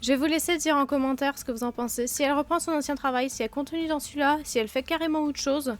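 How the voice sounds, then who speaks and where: A woman's voice: high voice, quick pace, faint music behind. Chatty sick Frenchwoman playing a game. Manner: chatty, self-mocking, many fillers. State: sick, blocked nose and sore throat. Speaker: let's play host. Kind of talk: casual game commentary.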